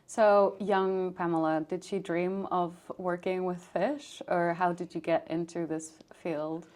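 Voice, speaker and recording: A woman's voice: lowish voice, flat delivery, a little slow, a little mellow, dry recording. A woman hosting a podcast, chatting playfully and joking with her guest. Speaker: podcast host. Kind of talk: casual interview chat.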